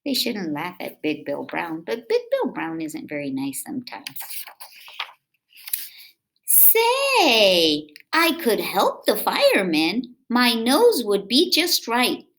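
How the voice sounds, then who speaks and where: Reading slowly in a medium pitch, a woman brings a children's picture book to life, drawing out her words expressively and tossing chatty questions to the little ones listening.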